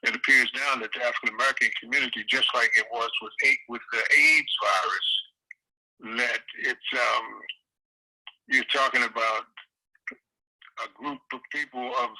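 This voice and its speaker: An older man talking calmly and reflectively in a casual interview over a phone line, with folksy phrasing and hesitant pauses. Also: medium pitch. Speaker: interview guest, community elder.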